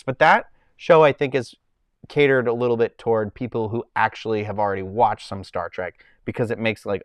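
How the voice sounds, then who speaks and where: Reading the chat and rambling along, a Boston-accented man hosts a laid-back livestream from his home. His voice is on the low side, and the recording is dry.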